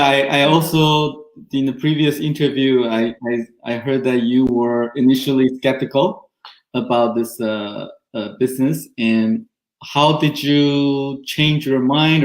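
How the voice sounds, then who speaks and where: A man's voice: mid-range voice, a little slow. A man co-hosting an interview, asking questions hesitantly with many ums and restarts. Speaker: podcast co-host. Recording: roomy echo.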